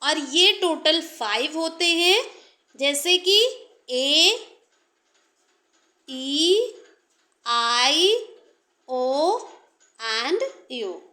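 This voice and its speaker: A woman's voice: high voice, expressive, drawn-out words, long pauses, pushed and bright, reverberant. A woman teaching an English grammar lesson in Hindi and English, explaining step by step while she writes.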